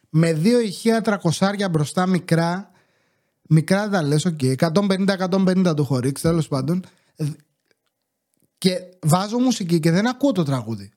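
A man's voice: high-pitched, a little mellow. A man hosting a podcast, telling stories about his neighbours in a chatty, joking way with mock exasperation. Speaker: podcast host. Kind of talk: casual storytelling monologue.

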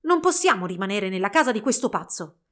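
A woman's voice: medium pitch, sing-song, fast, lightly acted. A woman voicing an impulsive young man in a storybook reading, speaking urgently.

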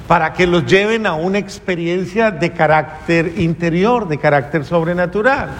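A man giving a homily as a priest, speaking conversationally, asking the congregation questions and acting out prayers in a soft, lower voice. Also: in a large hall, slight background noise.

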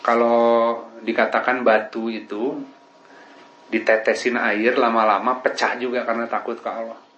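A man's voice: mid-range voice, flat delivery, moderate pace, a bit bright. A man preaches in an easy, conversational way, checking in with his listeners through frequent tag questions. His voice sits in a middling register, and the recording sounds muffled and lo-fi. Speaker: Islamic preacher. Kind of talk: casual religious lesson. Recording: dull lo-fi recording.

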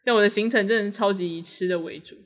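A woman, co-hosting a casual podcast chat, eager and quick, repeating words when excited. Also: medium pitch. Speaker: podcast co-host.

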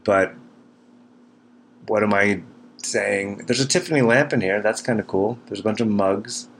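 A man's voice: on the low side, steady tone, measured pace. A man hosting a solo podcast from a cabin, rambling casually in a dry, self-deprecating way. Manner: self-deprecating, dryly wry. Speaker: podcast host. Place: small cabin kitchen in the mountains. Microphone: recording into a computer. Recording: noisy cabin room recording.

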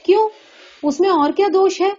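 A woman's voice: extremely high pitch, mellow, soft background music, pitched above the performer's own voice. A woman voicing a kindly middle-aged mother who reasons patiently in a storybook reading. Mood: reasoning. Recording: dull lo-fi recording.

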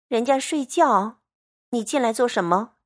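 A delicate young noblewoman with a sharp tongue, as a woman reader puts her on. The voice sits a little higher than plain narration and swoops lively from note to note. She speaks with a prickly, coy edge, as in a storybook reading. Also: unhurried. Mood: teasing. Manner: coy teasing turning to tearful indignation.

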